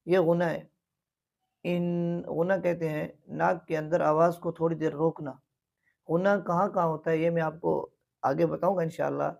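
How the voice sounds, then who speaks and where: A man teaching Quran recitation, explaining pronunciation rules and then reciting verses slowly and drawn out. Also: fairly high pitch, gravelly, darkish tone.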